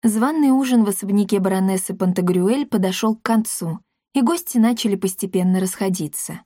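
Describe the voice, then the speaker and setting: A woman narrating an audiobook in a measured storytelling manner. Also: mid-range voice, warm tone, no echo, clean studio sound. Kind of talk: scripted narration.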